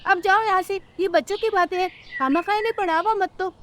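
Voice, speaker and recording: A woman's voice: extremely high pitch, brisk, fairly bright tone, slight background noise, pitched above the performer's own voice. A woman voicing a bossy, scheming mother crow in a cartoon who talks in a scolding, dismissive way.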